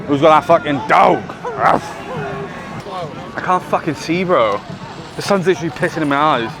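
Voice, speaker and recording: A man's voice: on the high side, lively intonation, quick pace, vocal fry. Blokey British man, casual sweary vlog banter. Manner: blokey, slangy, swearing freely. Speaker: vlog host and race runner. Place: outdoors in a street before a race. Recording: outdoor city noise, music behind.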